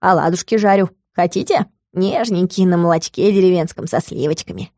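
A woman voicing a calm little male imp who cooks, speaking in a coaxing, unhurried way. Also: on the low side, no room sound, studio quality, natural voice.

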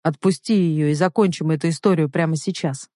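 A woman's voice: low-pitched, fairly even intonation, fairly quick, dark tone, dry recording, clean studio sound, close to an everyday voice. A woman reading the lines of a resolute young man who speaks in a hard, cold, firm tone. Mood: cold resolve.

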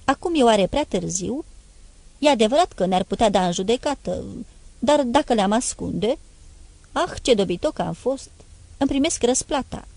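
A woman's voice: fairly high pitch, lively intonation, a little mellow, no echo. A woman doing a frightened, whimpering young man. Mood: pleading tearful. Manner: pleading, stammering, tearful.

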